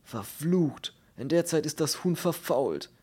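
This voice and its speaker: A man's voice: mid-range voice, normal speed, a little mellow, pitched above the performer's own voice, natural voice. Man doing a whining bald little man. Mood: aggrieved. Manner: whining, indignant, raised voice. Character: bald, small, complaining man, easily enraged.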